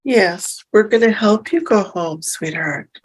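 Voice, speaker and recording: A woman leading a hypnosis session, speaking softly and reassuringly as she gently asks questions. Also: on the low side, a little hiss or hum, rough recording. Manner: soft, slow and soothing, reassuring. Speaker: hypnosis practitioner.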